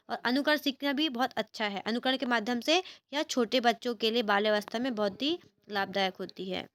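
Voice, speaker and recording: A woman's voice: high-pitched, fairly bright tone, no echo. A young woman teaching an exam-prep lesson, asking questions and answering them herself and repeating key words to help students remember.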